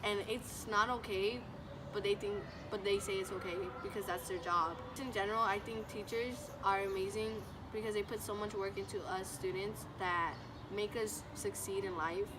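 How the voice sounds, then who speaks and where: A woman's voice: medium pitch, fairly even intonation, moderate pace. A young woman, a student, giving an informal, earnest personal speech in a conversational storytelling way. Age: teenage to young adult student. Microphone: distant microphone. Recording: distant mic, clearly noisy urban background.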